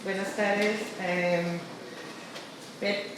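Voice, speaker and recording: A woman with a Brazilian accent gives an acceptance speech in Spanish blended with her native Portuguese. She pauses and rephrases often. The sound is distant and heavily reverberant, with clear noise behind her. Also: mid-range voice, flat delivery. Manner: halting, with hesitations and self-corrections. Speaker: award recipient. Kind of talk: acceptance speech, semi-improvised. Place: large echoey room at a ceremony. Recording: distant, very echoey hall, background noise.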